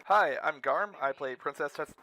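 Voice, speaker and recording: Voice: mid-range voice, moderate pace, noisy background. A tabletop game player introducing their character in casual chat, voice run through a voice changer, stopping and restarting the intro. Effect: voice changer altering the voice.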